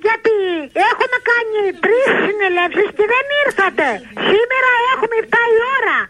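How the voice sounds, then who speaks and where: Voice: extremely high pitch, sharp tone, poor audio. A performer voicing a fussy, nosy older woman from the building in a prank call, insistent and giggly.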